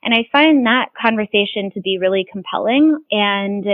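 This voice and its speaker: A woman answers interview questions in an earnest, rambling way, restarting her sentences often. Her voice sits at a middle pitch. It comes through a tinny, phone-like line with a dry sound. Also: moderate pace, dry recording. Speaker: climate activist being interviewed.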